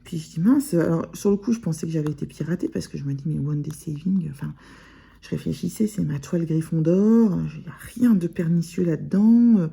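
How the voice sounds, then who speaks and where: A woman with a fairly low, gravelly voice, dark in tone and slightly rough, speaks a little fast. She's a sewing vlogger with a northern French Picard (Ch'ti) accent, casually chatting to camera and rambling through many fillers and restarts.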